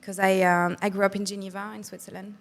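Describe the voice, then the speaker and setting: A woman from Luxembourg with a French accent talks fast at a medium pitch with little pitch movement. She's a company executive appearing as an interview guest on a video call, chatting casually with filler words and restarts.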